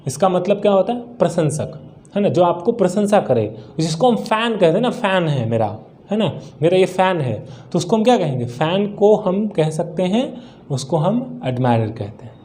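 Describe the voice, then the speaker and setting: A man's voice: high-pitched, very animated, normal speed, darkish tone. A man teaching a spoken English lesson, repeating each word in drills and answering his own questions.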